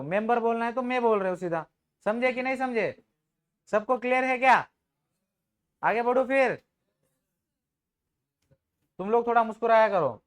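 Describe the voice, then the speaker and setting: Man teaching grammar, high voice, teasing tone, checks students often. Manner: talks straight to students, checking often whether they understood; jokes with the class, informal and teasing. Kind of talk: classroom lecture in Hindi mixed with English.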